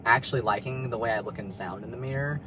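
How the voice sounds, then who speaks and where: A young man vlogs candidly from his car in a parking lot, speaking quickly in a mid-range voice. He rambles and confesses, full of fillers and swearing, with background noise audible.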